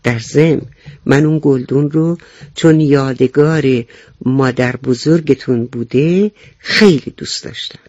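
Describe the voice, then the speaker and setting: A man voicing a calm, forgiving mother mouse in a children's story, speaking softly and slowly. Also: medium pitch, no room sound, lo-fi sound, lightly acted. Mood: gentle.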